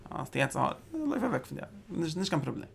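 A man's voice: on the high side, sing-song, fast talker, gravelly, fairly bright tone, a little hiss or hum. A man giving a religious study lecture, breaking into emphatic bursts and often repeating and restarting his phrases. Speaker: Torah teacher.

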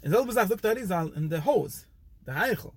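Husky-voiced man giving a lively Torah lecture. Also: a little fast. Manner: animated, pitch jumps up and down for emphasis. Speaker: Torah teacher.

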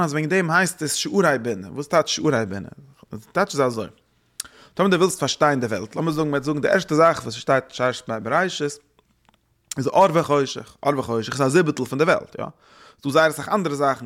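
A man giving a religious lesson, thinking aloud in halting phrases that he often repeats and restarts. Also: medium pitch, a bit bright. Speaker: religious teacher.

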